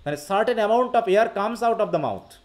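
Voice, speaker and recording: A high-pitched male teacher with a Bangladeshi accent gives a live lecture. He reads English lines slowly, then explains them patiently, often checking that his students follow. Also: very animated.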